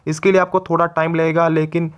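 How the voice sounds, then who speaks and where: A man's voice: fairly high pitch, flat delivery, fast talker. A man teaching spoken English in a motivational video lesson, coaching listeners step by step and calling them friends. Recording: dull lo-fi sound.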